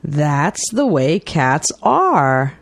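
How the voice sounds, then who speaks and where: Slow, lively-voiced woman reading dialogues. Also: sits low, no room sound. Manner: clear, deliberate enunciation. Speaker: dialogue reader for English learners.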